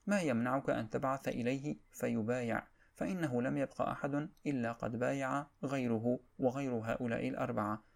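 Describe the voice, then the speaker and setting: A man narrating a religious history text in a steady, measured read-aloud style. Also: medium pitch, gravelly.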